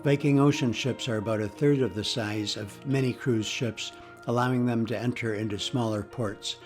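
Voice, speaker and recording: Travel vlogger narrating over music. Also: male voice, mid-range voice, normal speed. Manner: even, informative.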